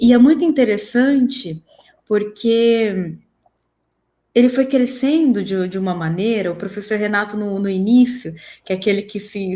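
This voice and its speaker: A woman from the São hosts a live panel in Brazil. Her pitch is average and she talks semi-spontaneously, like a moderator. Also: darkish tone. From São José do Rio Preto, Brazil. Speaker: live-stream host.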